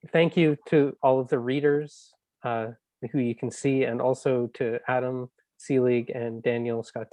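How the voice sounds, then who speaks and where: A man, an author thanking people at his book launch over a video call, soft-spoken and halting. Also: medium pitch, no room sound, poor audio. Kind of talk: casual thank-you speech.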